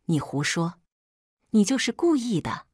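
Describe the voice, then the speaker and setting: A woman reading the lines of a shrill, abusive older mother-in-law in a storybook tale, ranting and scolding. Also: big pitch swings, unhurried, a little mellow, breathy edge, dry recording, clean studio sound.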